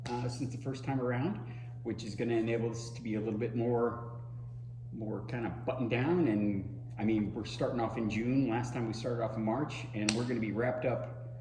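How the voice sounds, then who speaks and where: A man's voice: medium pitch, steady tone, moderate pace. Male group leader, informal and upbeat, mid-range voice, echoey room with heavy noise. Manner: casual, upbeat, acts out little quotes. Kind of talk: informal welcome talk. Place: indoor room at a group gathering. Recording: echoey hall, long reverb, loud noise.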